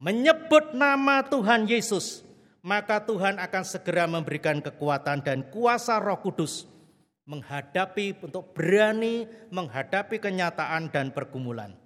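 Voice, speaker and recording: A man preaching a sermon, telling a story dramatically, with loud exclamations and soft, low passages. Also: expressive, normal speed. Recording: hall reverb.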